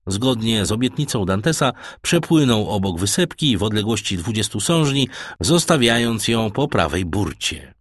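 A man giving measured scripted narration of an audiobook. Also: on the low side, sing-song, slightly rough.

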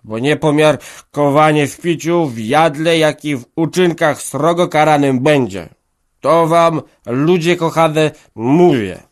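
A man's voice: on the high side, slow pace, pitched above the performer's own voice. A man voicing a drunk, pompous village organist who slurs his moralizing, like a sermon. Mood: preachy. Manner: preachy, slurred moralizing.

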